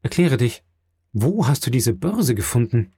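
A man's voice: medium pitch, sing-song, measured pace, mellow, breathy edge, no echo, studio quality, exaggerated voice. A man voicing a careworn, disbelieving older merchant father in a read-aloud novel. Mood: urgent.

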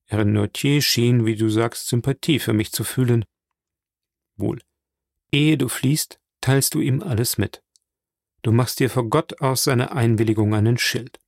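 A man's voice: mid-range voice, gravelly, a little mellow, no echo, studio quality. A man reading an audiobook, voicing a passionate young man who speaks earnestly and with feeling. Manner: earnest and impassioned.

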